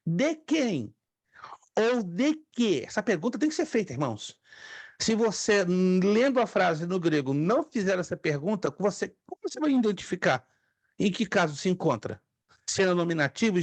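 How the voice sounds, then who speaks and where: A man's voice: sits high, dry recording. A man teaching a theology class as a pastor, patiently drilling Greek pronunciation and repeating key points. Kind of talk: online Greek lesson.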